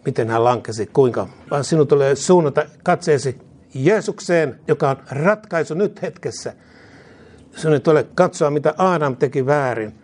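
A man's voice: fairly high pitch, a little mellow, slightly rough. A male preacher giving an earnest sermon and leading prayer line by line for the congregation to repeat. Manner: earnest, leads prayer phrase by phrase. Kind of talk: sermon with call-and-response prayer.

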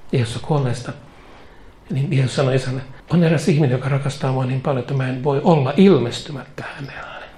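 A man's voice: medium pitch, mellow. A man preaching a fervent sermon, emphatic and full of repetitions.

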